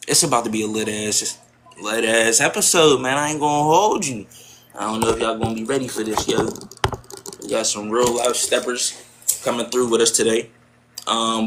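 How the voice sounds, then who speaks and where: A man's voice: medium pitch, noisy background. A man co-hosting a podcast in casual, slangy banter, drawing out his words. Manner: laid-back slangy banter, drawn-out words. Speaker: podcast co-host.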